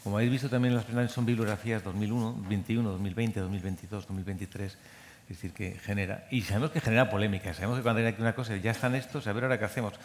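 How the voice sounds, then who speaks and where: A man from Madrid races through a rambling conference speech in a steady, lowish voice, restarting often and repeating words as he talks about the medical training program he coordinates. The conference hall gives a long reverb, with slight background noise.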